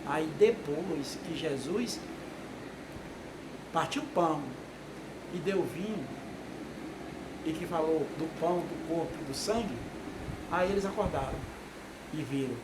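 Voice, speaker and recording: Speaking slowly with long pauses, this man in his sixties has a voice on the high side. He's a lay preacher delivering a loose, rambling sermon for video viewers, full of tag questions, in a noisy room with echo.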